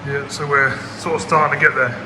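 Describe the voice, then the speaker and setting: Down-to-earth car restorer, flat delivery, slightly breathless, echoey garage. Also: male voice, fairly high pitch, brisk. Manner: chatty, down-to-earth, self-deprecating. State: out of breath from machine polishing. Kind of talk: casual workshop commentary. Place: garage workshop. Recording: roomy workshop with clear background noise.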